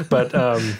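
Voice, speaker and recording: A man's voice: medium pitch, husky. Easygoing man with a mid-range voice. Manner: easygoing, halting, laughs often. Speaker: podcast co-host. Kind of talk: casual chat.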